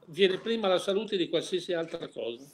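A man's voice: sits high, animated, fairly quick, a little hiss or hum. Opinionated older man, rhetorical questions. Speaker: interviewee. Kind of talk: casual interview.

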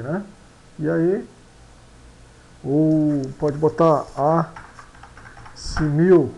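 A man from Brazil with a Brazilian Portuguese accent, teaching a video lesson in an unhurried way, often ending phrases with a questioning tag and filling pauses with hesitant sounds. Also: on the high side, vocal fry, warm tone, poor audio. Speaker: language teacher.

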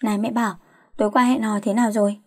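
A woman's voice: mid-range voice, flat delivery, rapid-fire, a little mellow, dry recording, studio quality, close to an everyday voice. A woman voicing a middle-aged mother who nags and scolds her grown daughter. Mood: nagging. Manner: nagging, scolding. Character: nagging middle-aged mother, fussy and worried.

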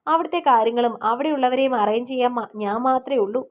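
A woman's voice: high-pitched, fast, darkish tone, close to an everyday voice. Chatty busy young man, read by a woman. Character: talkative young man, busy organizer friend.

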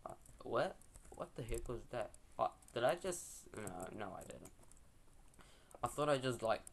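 A man's voice: medium pitch, very animated, measured pace, creaky. A young man giving casual, rambling, slangy gameplay commentary as a video host.

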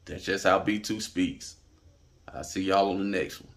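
A man's voice: deep voice, fairly even intonation, moderate pace, a bit bright. A man hosting a trucking advice vlog, talking straight to camera in a blunt, emphatic way and repeating his points. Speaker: trucking channel host.

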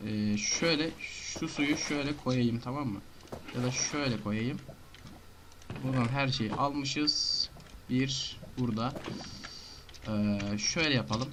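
A man giving casual commentary on his own gameplay, talking to himself and breaking into frantic shouting and rapid repeated words. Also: mid-range voice, background noise. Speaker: gamer.

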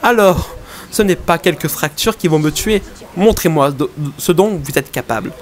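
A man's voice: on the high side, expressive, normal speed, natural voice. A man reading aloud the lines of an eager young hero who wants a sparring match. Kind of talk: reading game dialogue aloud.

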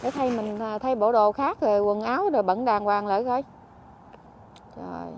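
A woman with a Southern Vietnamese accent, a vlogger chatting on the street who fusses, scolds and keeps exclaiming out loud. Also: mid-range voice, sing-song, normal speed, a little hiss or hum. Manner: scolding and fussing, exclaims often. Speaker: vlogger helping homeless people. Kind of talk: casual on-street chat. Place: outdoors by a street.

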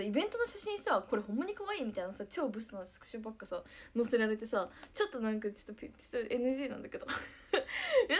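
Young woman, high bright voice, bubbly livestream chatter, giggly, reads out viewer comments. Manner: excitable, giggly, thanks viewers by name. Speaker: idol livestreamer. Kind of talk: casual livestream chat reading viewer comments.

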